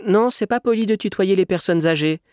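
Prim young boy, voiced by a man, high, clipped, matter-of-fact, storybook voice, dry sound. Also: fairly quick, darkish tone, clean tone, no echo, close to an everyday voice. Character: boy of about ten, stiff and prim.

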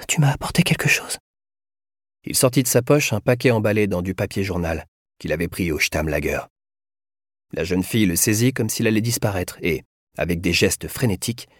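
A man reading a novel aloud as narrator, in a measured, even voice. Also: sits low, no room sound, studio quality. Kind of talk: audiobook narration.

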